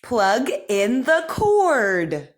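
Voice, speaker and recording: Leading an articulation drill, this female speech teacher over-enunciates each practice sentence in a slow, careful, encouraging way. She speaks on the high side, with large pitch swings.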